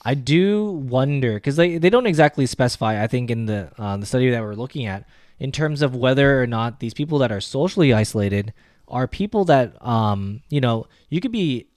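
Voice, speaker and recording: A man's voice: medium pitch, expressive, normal speed, darkish tone, no echo, clean studio sound. A young man co-hosting a casual podcast, talking loosely with lots of "like" and the odd joking aside. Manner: loose and chatty, heavy use of "like", joking asides. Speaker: podcast co-host.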